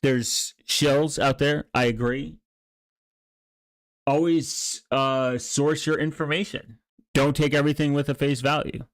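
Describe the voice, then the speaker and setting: A man giving casual, rambling commentary, speaking haltingly and often trailing off or restarting mid-thought. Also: fairly high pitch, steady tone, dry recording. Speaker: streamer reacting to online videos and channels.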